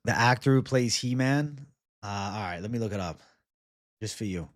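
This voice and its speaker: A man in his 20s with a fairly low pitch speaks at a moderate pace as he hosts a livestream, casually reading and replying to viewer comments in bro-talk full of slang and swearing. The sound is dry and clean, studio-style.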